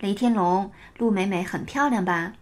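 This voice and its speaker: A woman voicing a kind, gently smiling woman teacher who asks patient questions. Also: medium pitch, normal speed, close to an everyday voice. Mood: gentle.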